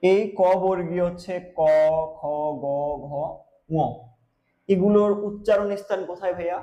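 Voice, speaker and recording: Young male teacher, fairly high, mellow voice; quizzes himself aloud, punches key words. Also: little pitch movement, measured pace, echoey room. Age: young adult. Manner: explains by asking and answering his own questions; stresses key terms loudly. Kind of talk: classroom lesson.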